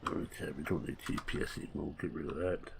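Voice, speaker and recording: A man's voice: rumbling low, steady tone, quick pace, creaky, slight background noise. A man, chatting casually through gameplay commentary with rambling, jokey asides. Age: 60s. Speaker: gaming channel host.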